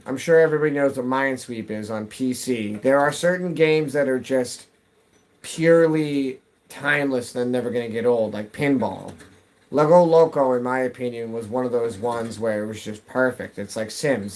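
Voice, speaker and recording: A man's voice: medium pitch, moderate pace, darkish tone. A man in his thirties chatting casually while gaming on a live stream, answering chat and muttering to himself as he plays, from his home basement.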